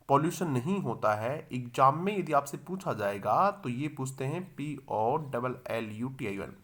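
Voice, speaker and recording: A man with a voice of ordinary pitch teaches English pronunciation in a video lesson. He spells each word letter by letter, stretches the sounds out slowly and says the word over several times. Along the way he puts questions to the viewer and answers them himself.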